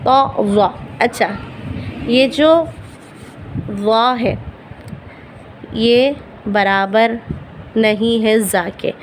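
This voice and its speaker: A woman whose first language is Urdu teaches beginners how to pronounce Arabic letters for reading the Quran, patiently repeating every sound slowly. Her voice is a little high, and the low-quality recording has slight background noise.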